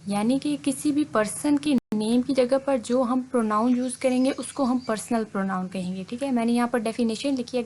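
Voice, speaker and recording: A woman teacher with a fairly high voice walks through a grammar lesson over slides, patient and methodical, repeating each point. A faint hiss sits under the close voice-over. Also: darkish tone. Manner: patient, explains step by step, mixes English into Hindi. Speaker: English teacher.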